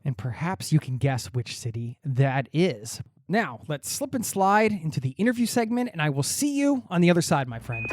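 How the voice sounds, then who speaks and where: A man's voice: on the high side, big pitch swings, moderate pace, hardly any pauses, dry recording, studio quality. A male podcast host speaking in an upbeat, friendly way as he introduces and interviews a guest. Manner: upbeat, friendly addresses to listeners.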